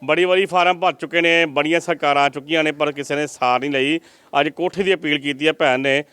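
Fast-talking earnest field reporter. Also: male voice, a little high, steady tone, a bit bright, clean tone, no room sound. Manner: earnest, pleading appeals to viewers.

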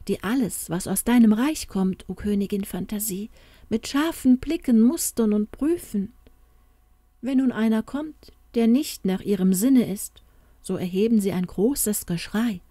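A woman's voice: mid-range voice, dark tone, no room sound, clean studio sound, voice pushed up. A woman voicing a sad young woman who is the fairy tale itself, in a pleading, plaintive way.

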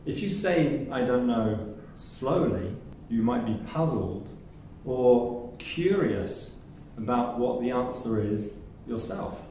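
Nz guy teaching english, slow and mellow, echoey room, kinda far from the mic. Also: medium pitch, expressive, a little hiss or hum. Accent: New Zealand. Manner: demonstrates phrases with exaggerated intonation. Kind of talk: scripted language lesson.

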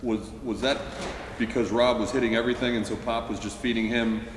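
A man's voice: mid-range voice, steady tone, brisk. A man asking a coach detailed, stat-based questions at a press conference. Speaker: sports reporter. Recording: echoey room with faint hiss.

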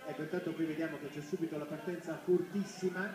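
Male live race commentator, slightly high voice, outdoor broadcast with clear crowd noise. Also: fairly even intonation, fast. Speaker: sports commentator and interviewer. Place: outdoor commentary table at a sports field. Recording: very echoey, distant, crowd noise, filmed off television.

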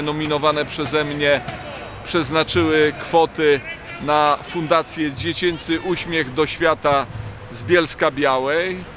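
Higher-voiced middle-aged man, noisy outdoors. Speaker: football coach. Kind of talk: speaking to camera. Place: outdoors in an open football stadium. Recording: noisy outdoor recording, stadium ambience.

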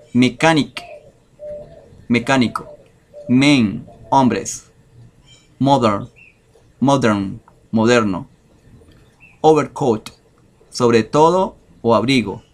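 A man teaching English vocabulary over a screen share, talking in a slow, hesitant way with many fillers. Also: mid-range voice.

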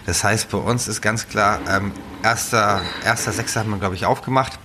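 Man, chef, lowish voice, rambling with fillers, faint hiss in the background. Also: moderate pace. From northern Germany. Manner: relaxed, rambling with many fillers and restarts. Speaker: head chef and restaurant founder. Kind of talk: casual interview talk.

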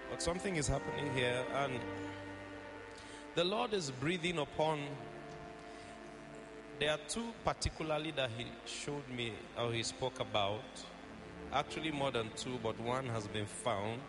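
A man's voice: medium pitch, moderate pace, long pauses. A male pastor leading worship and preaching at a pulpit microphone in a church, urging the congregation on. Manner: urgent, exhorting congregation. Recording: loud music under the voice. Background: loud worship music.

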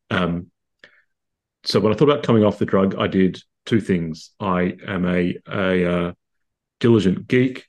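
Speaking from home over a video call, a psychiatrist guest in his thirties with an Australian accent answers interview questions. He has a low, darkish voice and is articulate and explanatory, though he restarts frequently.

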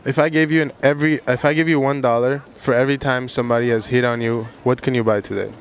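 A young man interviews strangers on the street, joking and teasing as he goes. His voice sits at an everyday middle pitch. Traffic passes nearby on the open boardwalk. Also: fairly even intonation, fast. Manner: joking, teasing, swears freely. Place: outdoors on a city beachfront.

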